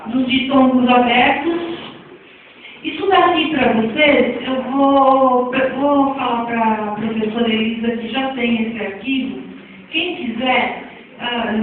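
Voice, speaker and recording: A woman with a Brazilian Portuguese accent teaches a class about spelling reform, chatty and often putting questions to her audience. Her voice is high-pitched. The classroom lecture sounds echoey and phone-like, picked up far from the mic, with slight background noise.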